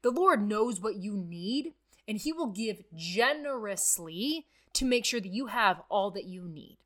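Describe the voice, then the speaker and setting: Bright-voiced woman teaching Bible study. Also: mid-range voice, lively intonation, measured pace. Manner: conversational, earnest, many "like" fillers.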